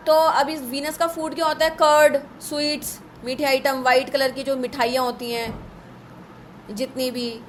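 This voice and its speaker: A woman teaching an astrology class in a live online session, brisk and a little scolding as she runs through lists. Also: high voice, level tone, a little hiss or hum, low-quality recording.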